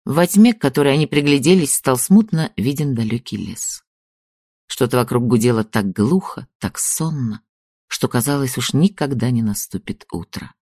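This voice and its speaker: A man narrating a literary audiobook in a calm, evenly paced reading voice. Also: medium pitch, normal speed, no echo, clean studio sound.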